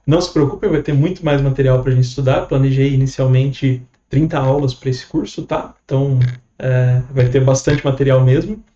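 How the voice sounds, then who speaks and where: A man with a Brazilian Portuguese accent teaching a casual online English lesson, relaxed and full of fillers and quick "beleza?" check-ins. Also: mid-range voice, roomy sound, highs cut off.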